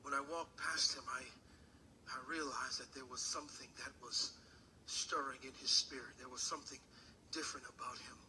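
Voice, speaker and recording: A pastor preaching a sermon into a pulpit microphone in a church, moving from a hushed story to shouted preaching. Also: male voice, mid-range voice, fairly even intonation, moderate pace, a little hiss or hum, rough recording. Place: church sanctuary.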